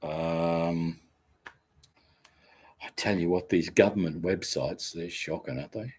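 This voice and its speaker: Slow-talking Australian man chatting live. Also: sits low, slightly rough. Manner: relaxed, rambling, self-deprecating, with many restarts. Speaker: host of a live stream, former radio presenter. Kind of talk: casual live-stream chat reading viewer comments.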